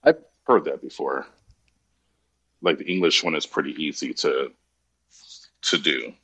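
A man's voice: a bass voice, measured pace, bright, forceful tone, husky, low-quality recording. An American man chiming in agreeably during a casual film discussion.

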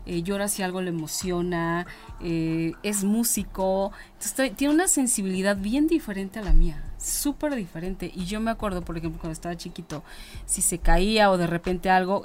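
A woman, direct and to the point. Her casual storytelling acts out both sides of remembered conversations. A faint noise sits under her voice. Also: fairly low pitch. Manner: direct, animated storytelling with quoted dialogue.

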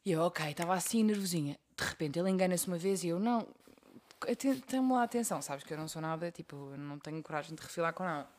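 A young woman with a European Portuguese accent, co-hosting a casual podcast and telling stories in an animated way, acting out the voices she quotes. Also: fairly low pitch, quick pace. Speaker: podcast co-host. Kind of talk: casual chat.

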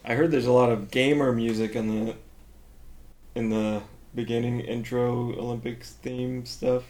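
A man's voice: medium pitch, level tone, unhurried, a little mellow. A man co-hosting a talk show, chatting casually in a jokey, teasing way. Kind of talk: casual banter.

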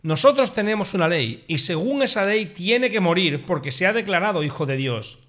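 An angry crowd raises its voice in insistent demands, carried by a single male reader. The calls sound pitched up and pushed. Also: lively intonation, normal speed, fairly bright tone.

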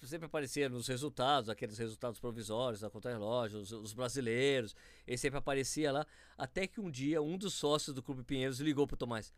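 A man from São Paulo, Brazil, with a São Paulo accent, telling stories in a casual, animated chat and acting out the people in them. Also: mid-range voice, brisk, few pauses, dry recording. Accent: São Paulo Portuguese.

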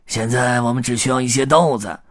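A man's voice: mid-range voice, a little fast, no room sound, clean studio sound, close to an everyday voice. A man voicing a hungry, stubborn old male tramp who talks insistently in a storybook reading.

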